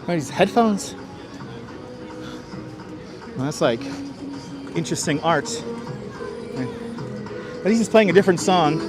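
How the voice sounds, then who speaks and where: Music plays in the background as a man with a somewhat high, animated voice hosts a live walking stream outside on a city street. Speaking unhurriedly with frequent pauses into a clip-on wireless mic, he chats with viewers, reads the chat aloud, and often chuckles.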